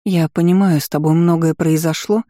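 A woman's voice: deep voice, steady tone, normal speed, dry recording, clean studio sound, natural voice. A woman voicing a kind, soothing queen mother in an audiobook. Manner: gentle, soothing.

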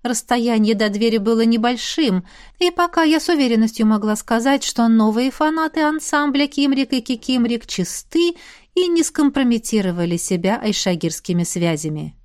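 A woman's voice: on the high side, expressive, normal speed, a little mellow. Woman narrating a wry fantasy audiobook. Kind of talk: first-person fantasy narration.

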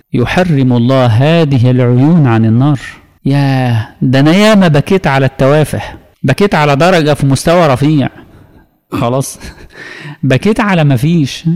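A man's voice: on the high side, in a large hall. A man with an Egyptian Arabic accent teaching a religious lesson, emphatic and full of rhetorical questions. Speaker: preacher teaching a creed course.

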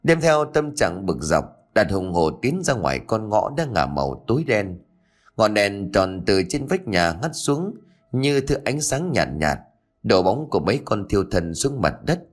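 Man, storyteller, ghost story, low voice, lively dramatic delivery. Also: moderate pace.

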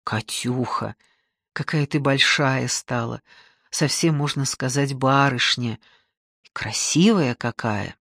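An audiobook narrator voices a pushy middle-aged man with an easy, smooth-talking charm. His voice dips lower when he coaxes and wheedles. The read is dry and close to the mic. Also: slow pace, fairly bright tone, no echo, full character voice. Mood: coaxing. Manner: breezy, wheedling, then pleading. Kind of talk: audiobook reading.

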